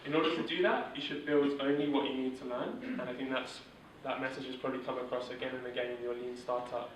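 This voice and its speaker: A workshop instructor leads a startup session, explaining principles in an informal teaching talk with a steady, monotone delivery and filler words. His medium-pitched voice is fast, recorded from far off in a large echoey room with slight background noise.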